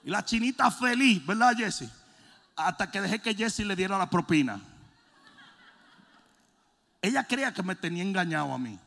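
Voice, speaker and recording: A high, gravelly-voiced man preaches a lively sermon. He swings between shouting and playful mimicry, and his voice rings through a long hall reverb. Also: moderate pace, pauses often.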